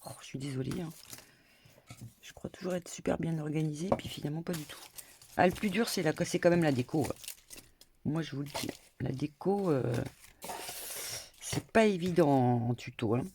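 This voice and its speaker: A woman's voice: low-pitched, normal speed, pauses often. An older woman, a grandmother, chatting her way through a crafting tutorial at home, rambling with many hesitations and small asides. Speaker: crafting vlogger. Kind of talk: casual crafting tutorial chat. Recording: faint background noise and clicks.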